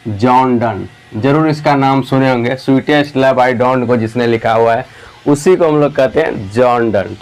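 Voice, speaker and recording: A man's voice: mid-range voice, darkish tone. A young man teaching an exam-prep lesson, putting students' questions to himself and answering them, reassuring and casual.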